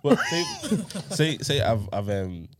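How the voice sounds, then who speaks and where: A man's voice: medium pitch, huge pitch swings, slow pace. A young man chatting casually and telling stories in slangy talk, often repeating phrases and calling people bro. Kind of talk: casual chat, animated storytelling.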